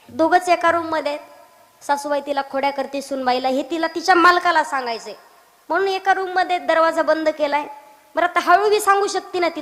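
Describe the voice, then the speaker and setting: A woman's voice: high-pitched, fairly bright tone. A woman preacher giving a devotional kirtan sermon, teasing and quizzing her audience and breaking into song. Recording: long hall reverb.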